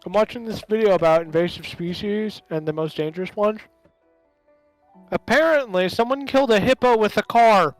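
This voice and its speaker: A caller in a casual voice chat, talking loudly and excitedly in bursts into a computer mic that peaks and clips into distortion. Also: medium pitch, moderate pace, soft background music. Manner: excited, loud, talks in bursts. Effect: clipping, distorted mic from peaking. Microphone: computer mic on a voice call.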